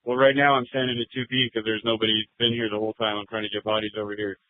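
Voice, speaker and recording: A man's voice: on the low side, little pitch movement, very fast, slight background noise. A male police officer talking in clipped, informal procedure over police radio on a narrowband scanner feed.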